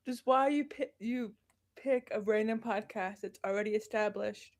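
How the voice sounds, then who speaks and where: A woman's voice: mid-range voice, normal speed. A woman guesting on a podcast, chatting casually and laying out practical suggestions, with the odd swear word.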